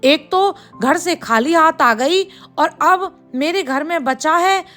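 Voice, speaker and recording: Woman playing a stingy older mother-in-law, harsh scolding tone, high voice, unhurried, soft music behind. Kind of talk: storybook voice acting.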